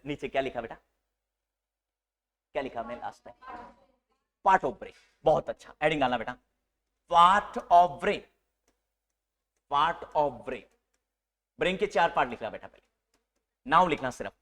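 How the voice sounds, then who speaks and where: A man teaching a live nursing class to a room of students, lively and teasing, mixing English medical terms into his speech. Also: a little high. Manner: animated, teasing, mixes Hindi with English terms.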